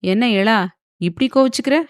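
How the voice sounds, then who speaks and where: Woman voicing a sulky, sharp-tongued young wife. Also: a little high, normal speed, dry recording, clean studio sound, pitched above the performer's own voice, natural voice. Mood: sulky, retorting. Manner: teasing and quarrelsome.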